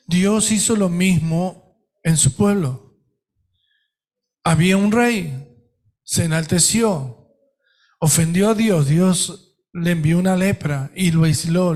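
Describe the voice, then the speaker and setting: A middle-aged Argentine pastor preaches a sermon in a fairly high voice for a man. He speaks very slowly, leaning on each phrase with emphatic pauses. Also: a little mellow. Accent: Argentine Spanish.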